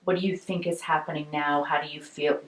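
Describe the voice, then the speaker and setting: Low-voiced woman interviewer. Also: fairly even intonation, a little fast, echoey room, rough recording. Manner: encouraging, asks short follow-ups. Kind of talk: oral history interview.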